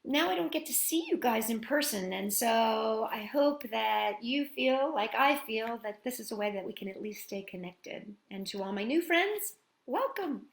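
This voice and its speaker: A woman hosts a storytime for small children, talking and singing action songs in a sing-song, encouraging way. Her animated, creaky voice is on the high side at a moderate pace, recorded with roomy echo and music behind.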